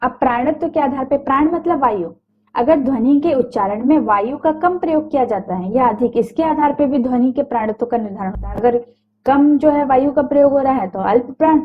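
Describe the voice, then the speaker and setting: A woman teacher giving a grammar lecture, explaining patiently and sounding out letters slowly one by one, with small self-corrections. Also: high-pitched. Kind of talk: recorded Hindi grammar lecture. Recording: tinny phone-like recording.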